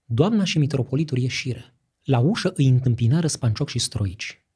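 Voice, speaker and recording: A man's voice: medium pitch, animated, warm tone, slightly rough. A man narrating a historical novella as an audiobook, with dramatic storytelling. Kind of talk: scripted literary narration.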